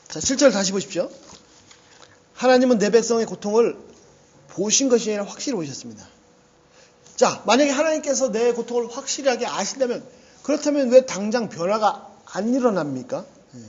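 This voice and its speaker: A man preaching a sermon, animated and conversational, often affirming himself with "yes.". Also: high voice, lo-fi sound. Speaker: pastor.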